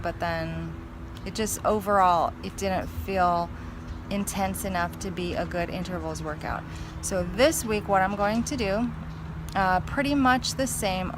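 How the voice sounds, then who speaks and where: A woman giving a casual fitness vlog, talking straight to her viewers in an emphatic, step-by-step way. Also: medium pitch. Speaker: fitness vlogger. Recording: noisy, constant vehicle-like background hum.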